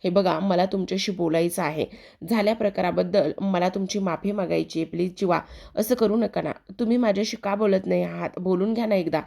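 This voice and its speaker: A woman's voice: lowish voice, fairly quick, gravelly, mellow. Pleading young wife, read by a woman.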